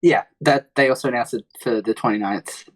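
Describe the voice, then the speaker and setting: Brief: relaxed male panelist, mid-pitched, casual delivery with fillers. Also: fairly quick, poor audio. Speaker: podcast panelist. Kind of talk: casual chat, reading news items.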